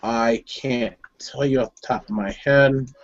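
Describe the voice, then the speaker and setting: A man with a Wisconsin accent hosts a casual group podcast, chatty and loose, sometimes tripping over a word. His voice sits at an ordinary middle pitch. The audio is dull and lo-fi. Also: steady tone, a little slow. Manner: chatty, laughs, trips over words. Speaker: host.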